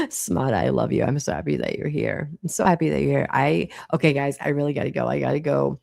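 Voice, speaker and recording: A woman's voice: extremely low pitch, expressive, brisk, creaky, a little mellow, no echo, studio quality. A woman in her thirties from Boston with a Boston accent, hosting a casual late-night live chat and talking bluntly with plenty of swearing. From Boston, Massachusetts. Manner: chatty, blunt, swears freely. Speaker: livestream host.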